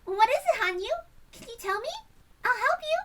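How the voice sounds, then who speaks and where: A woman voicing a sweet, gentle teen girl. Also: very high voice, animated, fairly quick, voice pushed up, full character voice. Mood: coaxing. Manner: soft, coaxing.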